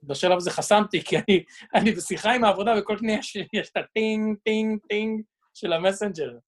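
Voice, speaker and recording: Casting: man, 60s, high-pitched, deadpan storyteller for a casual chat. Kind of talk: casual chat, reading out messages.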